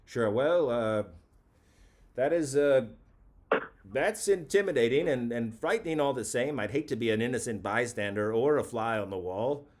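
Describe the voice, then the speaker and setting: A man hosting a late-night comedy call-in show, mid-pitched and unhurried. He talks in a mock-grandiose, rambling way. He keeps circling back over his own phrases as if savouring them. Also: animated.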